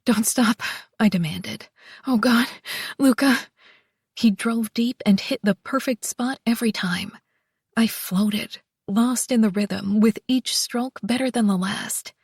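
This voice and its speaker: A woman narrating a first-person romance audiobook, soft and slow, with breathy whispered passages. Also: medium pitch, dry recording, clean studio sound.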